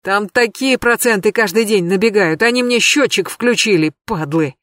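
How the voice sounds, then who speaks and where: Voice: medium pitch, normal speed, fairly bright tone, no echo, close to an everyday voice. An audiobook reader voicing a bitter, cornered middle-aged male criminal who swears crudely and complains. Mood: aggrieved. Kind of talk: audiobook character reading.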